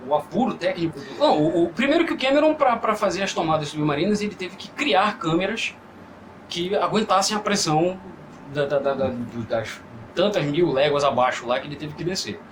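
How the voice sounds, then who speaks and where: Animated high-pitched man, chatty. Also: a little fast, background noise. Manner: animated, talks in long runs with many restarts. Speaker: podcast co-host. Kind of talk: casual group chat about films.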